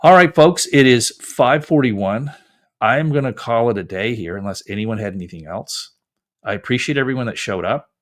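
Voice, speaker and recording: This Canadian lawyer's animated, mid-range voice moves at a normal speed as he hosts a live call-in show. His advice comes across casual and conversational, through a close mic with headphones on.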